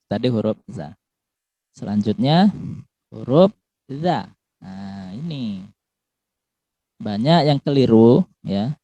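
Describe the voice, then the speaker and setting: A man's voice: medium pitch, mellow, dry recording. A man teaching Quran pronunciation to pupils, drawing out letter sounds and adding "ya" after each point. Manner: slow, repeats and drills letter sounds; ends phrases with a questioning "ya". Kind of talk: recorded lesson for pupils.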